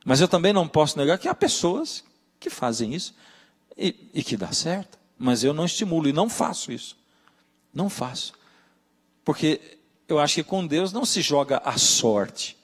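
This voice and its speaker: A man's voice: a little high, very animated, moderate pace, husky. A man, a pastor preaching a sermon, telling stories and addressing listeners directly. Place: church. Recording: reverberant church hall.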